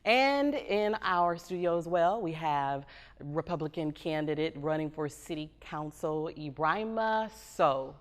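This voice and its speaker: A woman's voice: sits low, expressive, measured pace, in a large hall. A woman hosting a local TV interview show, introducing guests formally and asking questions. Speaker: TV show host. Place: TV studio.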